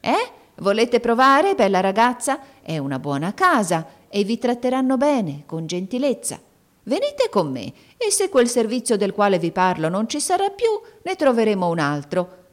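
A woman voicing a sly old woman in a storybook reading, with a shrill, caressing, oily manner. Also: wildly swooping pitch, moderate pace. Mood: wheedling. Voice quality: shrill yet caressing, unctuous.

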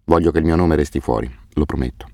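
A man voicing a weary, guilt-ridden orphanage director who speaks haltingly and turns bitterly defensive. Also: rumbling low, vocal fry, a little mellow, no echo, clean studio sound. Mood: grave, ashamed.

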